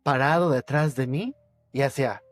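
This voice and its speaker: A man, a podcast guest telling a personal ghost story with suspense, repeating words and dropping his voice low. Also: moderate pace.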